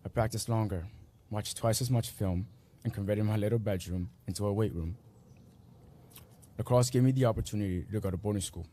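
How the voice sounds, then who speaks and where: A young man in his late teens from Guatemala, a native Spanish speaker, reads his personal essay at a school graduation ceremony. His fairly low-pitched, dark-toned voice moves through earnest, measured short phrases.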